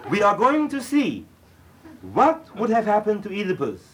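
A man's voice: high-pitched, huge pitch swings, moderate pace, fairly bright tone. A man performing comic storytelling on stage with a wry, exasperated delivery. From Bavaria, Germany. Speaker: performer and narrator. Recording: noisy live stage recording.

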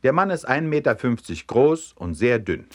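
A pushy, businesslike asylum attendant, as a man reading jokes puts him on. He speaks higher than the narrator's usual voice, rapid and lively. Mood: insistent. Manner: brisk, insistent. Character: insistent male asylum attendant.

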